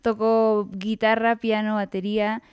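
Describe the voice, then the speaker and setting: A woman in her twenties from Peru with a Lima accent, a singer being interviewed, easygoing and relaxed. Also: medium pitch, measured pace, clean tone, no echo, clean studio sound. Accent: Peruvian, Lima. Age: 20s. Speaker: singer, podcast guest. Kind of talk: casual interview.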